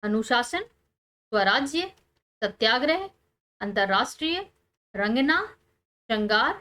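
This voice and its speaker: A woman teacher, calmly explaining textbook answers step by step and pausing on key words. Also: a little high.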